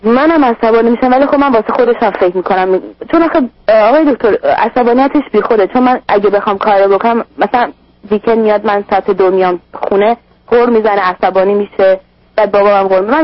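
A woman's voice: mid-range voice, dry recording, lo-fi sound. Hesitant young woman calling a radio show. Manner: hesitant, with filler sounds. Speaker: caller.

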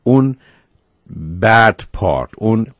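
A man's voice: lowish voice, sing-song, a bit bright, dry recording, muffled recording. A man hosting a call-in advice show, lecturing a caller patiently but firmly and calling her dear. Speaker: radio advice host.

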